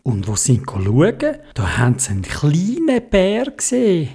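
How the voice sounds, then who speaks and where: Animated Swiss German children's storyteller. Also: medium pitch, a little slow, breathy edge. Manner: animated, sing-song.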